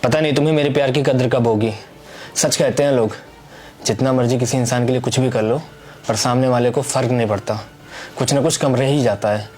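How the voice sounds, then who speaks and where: A man's voice: medium pitch, fairly even intonation, fairly quick, darkish tone, lightly acted. A man acting a jealous married lover who argues irritably with his pregnant girlfriend. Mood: irritated. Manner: irritated, argumentative. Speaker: actor. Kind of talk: Hindi web skit acting.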